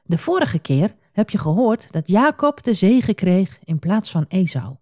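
A woman narrating a children's Bible story in an animated, expressive voice. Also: medium pitch, unhurried, dry recording, clean studio sound.

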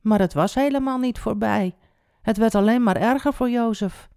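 A woman telling a Bible story to children, expressive and speaking directly to the young listener. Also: fairly high pitch, moderate pace, vocal fry, clear, resonant tone, no echo, clean studio sound.

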